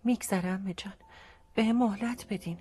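A woman's voice: mid-range voice, breathy edge, lightly acted. A woman playing a devout, heartbroken young woman. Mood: subdued. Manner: soft, earnest and resolute. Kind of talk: radio drama acting.

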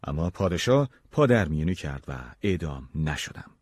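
A man narrating an audiobook story in the first person with expressive storytelling. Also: low-pitched, slight background noise.

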